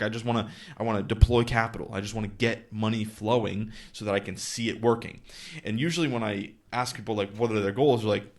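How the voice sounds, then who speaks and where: Creaky and fairly low-pitched, this thirtysomething investing channel host casually explains his investing goals. He thinks aloud with fillers and acts out his conversations with clients, quoting them directly.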